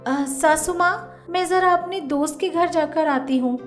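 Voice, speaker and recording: A woman voicing a greedy, hot-tempered young daughter-in-law in a cartoon story, whiny when upset and sharp when angry. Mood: sly. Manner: shrill, quick to anger, whiny when upset. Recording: roomy echo, faint music.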